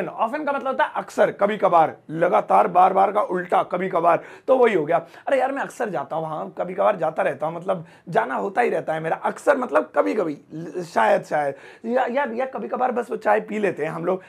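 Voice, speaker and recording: A man's voice: high-pitched, vocal fry, husky. A man teaching English words in a playful, chatty lesson, joking and acting out everyday example sentences. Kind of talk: playful Hindi vocabulary lesson.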